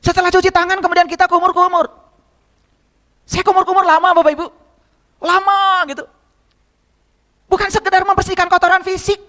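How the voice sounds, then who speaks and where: Very high-voiced male preacher. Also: little pitch movement, fairly quick, pauses often, pushed and bright. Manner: asks the congregation rhetorical questions; conversational, repeats phrases for emphasis. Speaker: religious teacher. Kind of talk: sermon.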